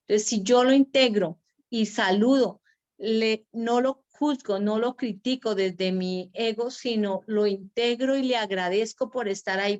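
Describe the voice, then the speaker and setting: A woman sharing slow, earnest spiritual reflections in a group meeting, repeating phrases for emphasis. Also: fairly high pitch. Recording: lo-fi online call audio.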